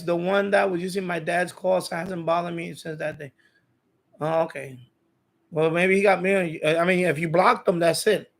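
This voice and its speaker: A slightly high, somewhat bright male voice with vocal fry belongs to a live stream host of a radio hobby channel. He addresses his chat casually, rambling along and repeating his phrases often.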